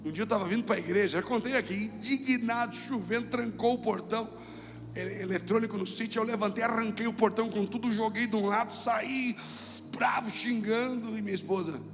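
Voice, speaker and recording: A pastor with a Brazilian Portuguese accent preaches a sermon in a church hall with music, emphatic and repetitive, urging the congregation to repeat after him. His voice is high-pitched and quick. The sound reflects a large hall.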